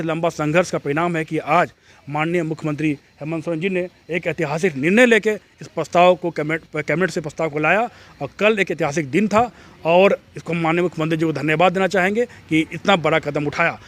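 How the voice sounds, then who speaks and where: Man, slightly high voice, earnest, explanatory, interview answer. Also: brisk, fairly bright tone. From Jharkhand. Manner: earnest, explanatory, with frequent restarts. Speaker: activist interviewee.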